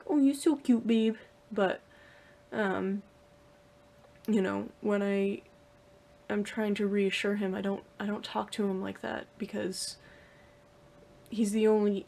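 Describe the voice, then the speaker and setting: A young woman vlogger talks casually to the camera from her room at home, rambling with lots of fillers and restarts. Her voice is mid-range, gravelly and darkish in tone.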